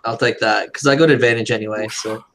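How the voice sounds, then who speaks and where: A man's voice: lowish voice, fairly even intonation, fast, fairly bright tone. A man playing a tabletop game online, chatting and joking casually. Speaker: player. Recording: faint background hiss.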